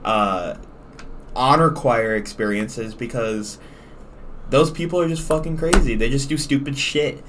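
A man's voice: mid-range voice, measured pace, fairly bright tone. A young American man co-hosting a casual podcast, talking like a frat bro with slang and heavy swearing. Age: young adult. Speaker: podcast co-host. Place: small podcast room. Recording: noisy room with background ambience.

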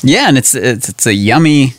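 Relaxed man telling rambling anecdotes. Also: medium pitch, normal speed, no room sound. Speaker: podcast guest. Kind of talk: casual podcast chat.

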